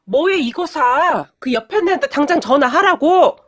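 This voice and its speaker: Woman putting on a fiery middle-aged mom, blunt, commanding, high bright voice, storybook reading. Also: animated, moderate pace, no room sound, faint music behind. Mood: furious. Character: fiery middle-aged mother, hot-tempered and cunning.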